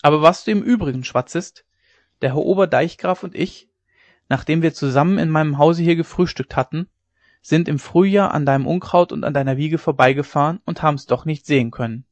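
A man voicing a blustering, gruff old dike reeve who bursts out in a booming voice. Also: fairly quick, no room sound, natural voice. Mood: scolding.

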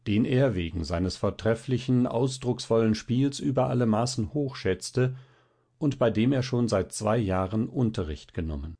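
A man narrates a classic tale for an audiobook. His pace is measured and steady, in an ordinary middle register. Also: medium pitch.

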